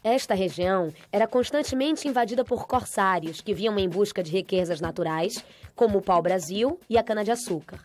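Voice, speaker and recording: A woman narrates a documentary in a measured, even studio voice-over. Her pitch sits in an ordinary middle range. Clear background music runs steadily under her words. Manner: measured, even informative delivery.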